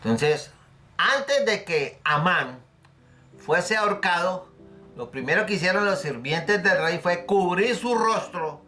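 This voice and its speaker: A man preaching with fervent conviction, pressing his listeners with pleading questions and acting out the voices of scripture. His voice is bright and ringing, pitched a little high for a man. A faint guitar plays softly underneath. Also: expressive, slow pace. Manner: acts out the scripture voices he quotes. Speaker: pastor. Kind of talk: recorded sermon.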